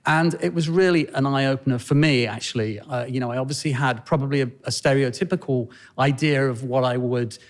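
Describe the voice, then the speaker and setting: A man answering interview questions as a podcast guest, speaking thoughtfully with frequent pauses and restarts. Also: medium pitch. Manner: thoughtful, hesitant, many fillers and restarts. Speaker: podcast guest, fashion designer. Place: penthouse room in Manhattan.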